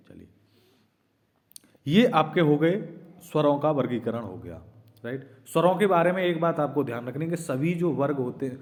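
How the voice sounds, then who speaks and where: A man's voice: fairly high pitch, a little mellow. A man teaching an exam-prep lesson, patiently explaining and sounding out vowels, often asking "right?" and calling his students children. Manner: demonstrates vowel sounds aloud.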